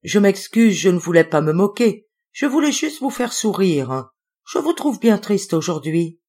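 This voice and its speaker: A woman reading the part of a playful young man who gently teases an older woman about her dog. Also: medium pitch, sing-song, a little slow, voice pushed up. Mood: apologetic. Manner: joking, gently teasing. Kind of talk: audiobook character reading.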